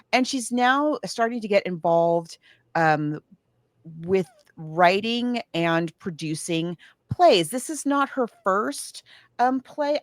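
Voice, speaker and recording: On a podcast, a woman co-host talks casually about books and films, digressing and thinking out loud. Her voice is on the low side, recorded dry with studio quality.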